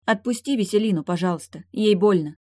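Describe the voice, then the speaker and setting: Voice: medium pitch, brisk, mellow, no echo, clean studio sound, pitched above the performer's own voice, lightly acted. A reader voicing an earnest elder lake maiden in an audiobook, speaking firmly. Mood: pleading. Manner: firm, earnest.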